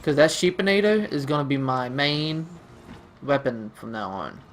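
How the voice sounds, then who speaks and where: Animated man rambling through gameplay commentary. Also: medium pitch, moderate pace. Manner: rambling, playful, talks to himself and the game. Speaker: let's-play gamer.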